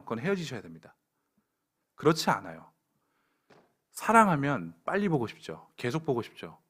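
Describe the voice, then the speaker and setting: A man's voice: mid-range voice, a bit bright. A young adult man preaching a sermon to a church young adults group, pointed and direct with playful asides. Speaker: pastor.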